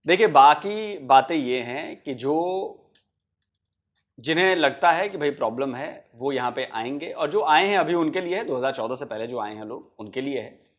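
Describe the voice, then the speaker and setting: A man's voice: medium pitch, lively intonation, normal speed. A man hosting a reaction video, arguing emphatically and addressing his viewers. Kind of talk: reaction commentary.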